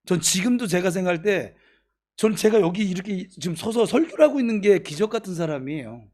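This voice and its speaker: A woman pastor preaching in a church, in an animated, chatty and humorous manner, with bursts of shouting. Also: on the low side, fairly quick. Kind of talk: sermon.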